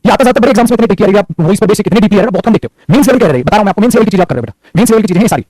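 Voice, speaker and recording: A man's voice: high-pitched, animated, rapid-fire, a little mellow, no room sound, faint music behind. A man teaching English for government exams, lecturing and scolding his students in a fiery, motivating way, calling them son and my child and using grammar terms as he goes.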